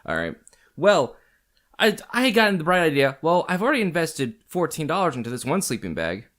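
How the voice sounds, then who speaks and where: A young man, a podcast guest, telling a camping story in casual chat. He is animated, swears often and laughs as he talks. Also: on the high side, brisk.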